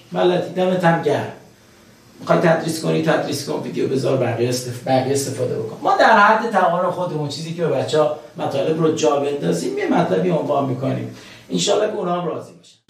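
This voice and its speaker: Man, English teacher, gravelly voice, somewhat high, echoey room. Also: a little hiss or hum. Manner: chatty, addresses students as kids, repeats English phrases slowly. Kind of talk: recorded screen-share grammar lesson.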